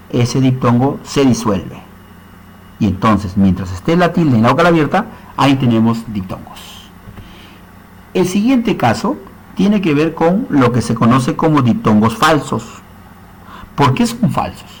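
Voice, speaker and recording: Husky-voiced male teacher. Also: mid-range voice, rough recording. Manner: explains step by step, often checks understanding with short tag questions. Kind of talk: recorded grammar lesson.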